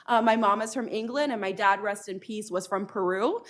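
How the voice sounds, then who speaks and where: A woman in her thirties from Arizona, United States, speaks at a normal pace in a mid-range voice. She is a law professor introducing herself at a panel event, earnest in tone, with frequent ums and the occasional light laugh.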